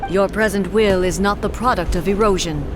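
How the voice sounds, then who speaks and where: A woman's voice: mid-range voice, music in the background, natural voice. Raiden Shogun, a woman voicing a stern divine ruler. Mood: solemn. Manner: measured, formal, calm delivery. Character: stern solemn female god-ruler, composed, formal. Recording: game audio under background noise.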